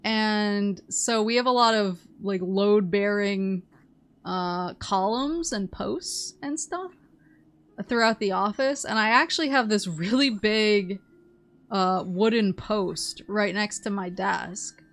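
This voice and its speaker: A woman's voice: medium pitch, takes it slowly. A woman chatting casually and in a rambling, giggly way while she streams a video game. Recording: music playing behind the voice.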